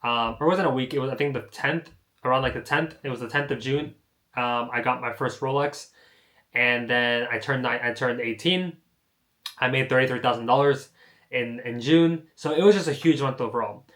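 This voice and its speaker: A man's voice: medium pitch, moderate pace, a bit bright. A young man in his late teens telling his personal story in a casual, rambling way, full of "like" fillers and restarts. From United States. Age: young adult. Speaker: online entrepreneur.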